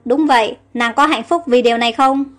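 A tender young prince speaking lovingly to his bride, as a woman storyteller puts him on. The voice stays high and courtly, with faint music behind. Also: brisk, natural voice. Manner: affectionate, courtly.

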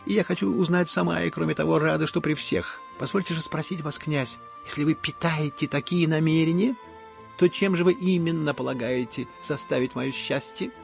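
A man's voice: on the high side, steady tone, moderate pace, vocal fry, faint music behind, voice pushed up. Man voicing a haughty mocking young noblewoman. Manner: imperious, demanding, teasing. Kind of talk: audiobook character reading.

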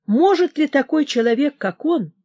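A woman giving a dramatic, expressive audiobook narration of a historical novel. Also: high-pitched, moderate pace, dry recording, dull audio.

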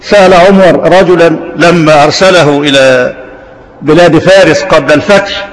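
A man's voice: a little high, fairly even intonation, normal speed. A man with an Egyptian accent preaching a religious sermon with passion, repeating himself and asking rhetorical questions. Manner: impassioned, repetitive rhetorical questions. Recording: long hall reverb.

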